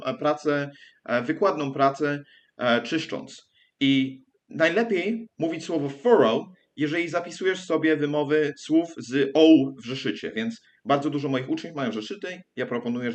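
A man teaching an English pronunciation lesson, talking haltingly with frequent hesitations and self-corrections, and repeating sounds aloud to demonstrate them. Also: fairly high pitch.

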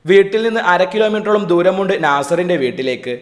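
Man, story narration, calm steady reading, slightly high voice, echoey room. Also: brisk.

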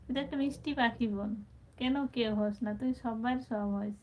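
A woman's voice: fairly high pitch, fairly even intonation, fairly quick. A woman hosting a casual live stream, chatting affectionately with viewers and reading out their comments. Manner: chatty, affectionate, calls viewers brother and sister. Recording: tinny phone-like sound with faint background noise.

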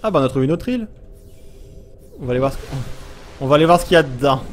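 A man's voice: a little high, lively intonation, rapid-fire, a little hiss or hum. A gaming YouTuber commentating a let's play, jumpy and easily scared, yelping and talking to the creatures he meets. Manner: jumpy, frightened, talks to creatures, yelps.

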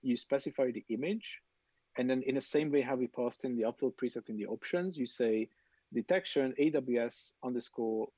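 A man guest explaining a software tool in a casual, hesitant way with fillers. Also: medium pitch, moderate pace, no room sound, dull audio. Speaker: guest developer advocate.

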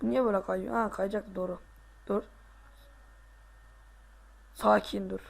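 A male gaming host giving casual let's play commentary, excitable, groaning and boasting to himself as he plays. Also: high-pitched, measured pace, vocal fry.

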